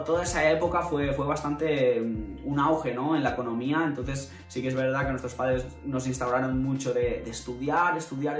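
A man's voice: mid-range voice, far from the mic. A man in his twenties from Spain talks loosely to the camera, tagging questions onto his sentences. His voice sits a little back from the mic in a roomy bedroom. Faint music plays behind him. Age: 20s. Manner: conversational, many fillers and tag questions. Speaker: vlogger. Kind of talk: casual talk to camera. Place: bedroom indoors. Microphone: camera at desk distance.

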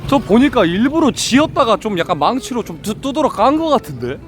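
A man's voice: extremely high pitch, sing-song, fairly quick. A man in his thirties hosting a casual vlog date, talking in a playful, teasing way. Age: 30s. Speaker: streamer and vlog host. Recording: music playing behind.

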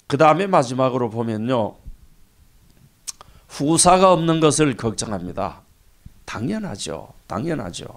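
A middle-aged man preaching a sermon as pastor, building up to emphatic lines and then dropping to quiet, low endings. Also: big pitch swings, measured pace, pauses often. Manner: preaching with rising emphasis and sudden soft drops.

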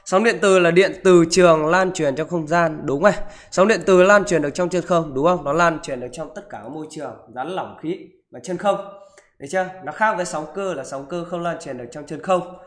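Guy teacher going through exam answers live, kinda high voice, keeps asking if everyone's got it. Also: brisk. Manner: keeps asking "được chưa?" and "đúng không?". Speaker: physics teacher. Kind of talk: live online exam walkthrough.

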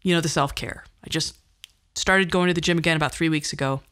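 With a low-pitched, slightly bright voice and a quick pace, a woman in her fifties tells personal stories as a podcast host. Her monologue is conversational, wry, and self-deprecating.

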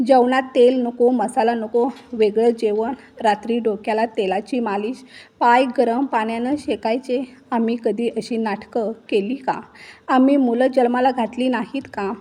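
A woman's voice: on the high side, fairly even intonation, a little slow, dark tone. A woman voicing a stern older mother-in-law who gives orders and scolds in a storybook reading. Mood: scolding. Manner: commanding, scolding.

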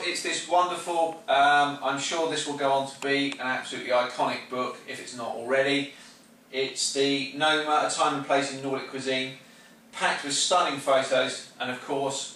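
A man's voice: mid-range voice, bright, forceful tone, a little hiss or hum. A man, hosting a prize draw in a casual, upbeat way and calling out numbers and names. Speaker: website host running a prize draw. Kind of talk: casual announcing. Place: small office, indoors. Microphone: far camera. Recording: echoey office from far off with music. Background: pop music playing.

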